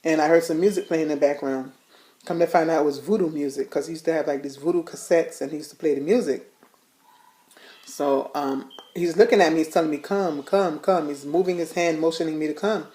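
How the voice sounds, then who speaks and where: Low, mellow-voiced woman telling her testimony. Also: steady tone, fast. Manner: casual, rambling, many fillers and restarts. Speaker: ministry leader giving testimony. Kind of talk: personal testimony storytelling.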